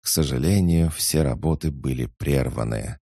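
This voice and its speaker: A man's voice: extremely low pitch, no room sound, studio quality. A man reading an ancient unruffled alien sage. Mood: calm. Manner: calm, unhurried, measured. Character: ancient calm male alien mind. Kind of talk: audiobook character reading.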